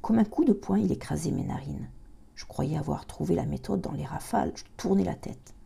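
A woman with a deep, heavily gravelly voice reads a novel aloud. Her tone is dark and husky, and she slows to a breathy near-whisper in tense passages. She trips over words here and there and corrects herself. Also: lively intonation. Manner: slow, dramatic, drops to a breathy hush in tense passages; stumbles and corrects herself mid-sentence. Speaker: reader of a novel.

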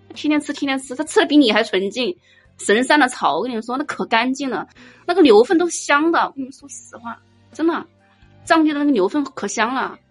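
A woman giving an informal dharma talk as a Buddhist teacher, blunt and teasing, telling lively stories. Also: high-pitched. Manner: blunt, teasing, animated storytelling.

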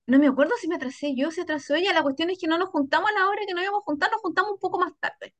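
Chilean woman, podcast co-host, high voice, rapid slangy storytelling, dry close sound. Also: no echo. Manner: animated, slangy, laughs often. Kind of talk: casual storytelling chat.

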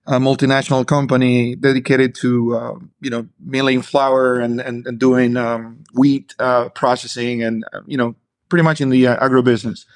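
With a mid-range voice, flat delivery, and moderate pace, a middle-aged Argentinian podcast guest fumbles through his answers. The casual interview is full of his fillers and restarts.

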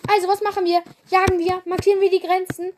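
Girl doing a tiny hyper apprentice kitty, super high and bubbly, storybook voice. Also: flat delivery, fast talker, a little mellow, slight background noise. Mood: eager. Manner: eager, bubbly questions. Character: little excited female apprentice cat.

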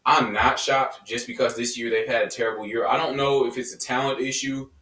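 A man co-hosting a casual motorsport podcast, giving relaxed, matter-of-fact opinions. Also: mid-range voice, brisk. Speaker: podcast co-host. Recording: roomy, distant mic.

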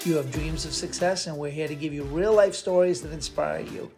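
A man's voice: fairly high pitch, fairly quick, darkish tone, faint music behind. Upbeat man hosting a podcast. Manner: upbeat and encouraging. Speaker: podcast host. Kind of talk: scripted show intro and interview.

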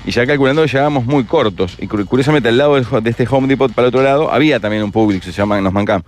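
A Uruguayan man rattles through his anecdotes at a quick clip, co-hosting a relaxed radio chat with friends. His voice sits at an ordinary middle pitch, with faint music underneath. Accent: Uruguayan Spanish. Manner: fast, storytelling. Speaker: radio show co-host. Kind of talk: casual chat among friends.

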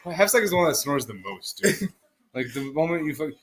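A man co-hosting a casual podcast, swearing and laughing, swinging from loud bursts to low mutters. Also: very animated, fairly quick, noisy background. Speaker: podcast co-host.

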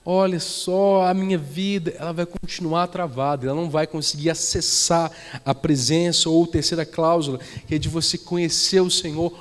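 In a large hall, a man with a fairly high voice and a Brazilian Portuguese accent delivers a sermon as a pastor. He tells stories and repeats phrases to stress them, with soft guitar from the worship band in the background.

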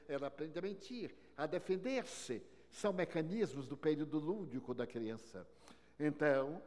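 An older man giving an inspirational lecture, telling stories with wry humor and big swings between loud and soft. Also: a little high. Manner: storytelling with wry humor, sweeping swings in loudness. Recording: long reverb of a large hall.

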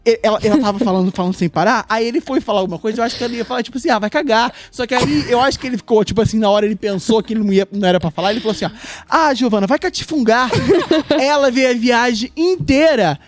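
A man's voice: extremely high pitch, racing, few pauses. A man with a Brazilian accent hosting a podcast, telling a story in a teasing, laughing way. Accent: Brazilian Portuguese. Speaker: podcast host. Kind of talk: casual chat.

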